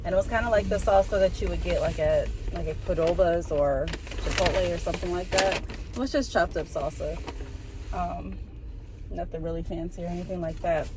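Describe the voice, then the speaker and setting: A food vlogger chats casually to her viewers while ordering and presenting fast food from inside a car at a drive-through and in a parking lot. Her voice is fairly low and brisk. Car and vehicle noise comes through clearly in the recording.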